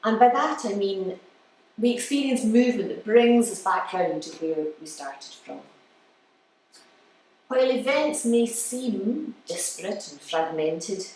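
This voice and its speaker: Speaking in a mid-range, darkish voice, a female musician explains her material in a live, demonstration-filled lecture, pausing haltingly and counting beats out loud. She's in an indoor room before an audience, recorded from a distance with heavy echo and a little background noise.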